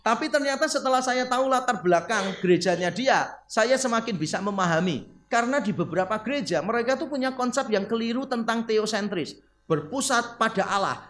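A man's voice: very high-pitched, animated, fairly quick, fairly bright tone. A male pastor preaching a sermon, telling stories with quoted dialogue and laughing, addressing the congregation directly. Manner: addresses listeners as "saudara".

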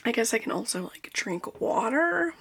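A young woman with a bright, forward voice talks her way through a snack in a relaxed, rambling chat, breaking into laughs often. She is recording inside a small closet. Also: a little high, moderate pace, gravelly, husky. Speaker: podcast host. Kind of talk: casual chat.

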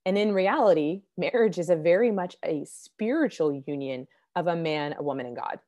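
A woman giving an earnest, conversational Bible teaching, a little hoarse as she recovers from losing her voice, clearing her throat now and then. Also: on the low side, lively intonation, moderate pace, warm tone, highs cut off. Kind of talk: devotional Bible teaching talk.

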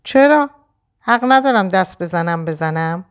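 A woman's voice: medium pitch, darkish tone, voice pushed up, natural voice. A woman playing a scowling, menacing husband. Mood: mocking. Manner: scowling, mocking, hostile. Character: angry menacing husband, grown man.

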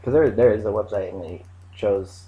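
A man in casual chat, rambling and halting with lots of ums. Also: fairly low pitch, narrow, tinny audio, a little hiss or hum.

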